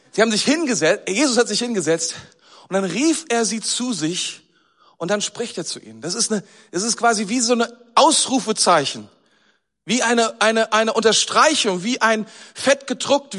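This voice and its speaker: Casting note: man, slightly high voice, conversational preacher, rhetorical questions to the audience, long hall reverb. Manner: conversational, asks the audience questions, animated emphasis. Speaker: pastor. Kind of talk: sermon.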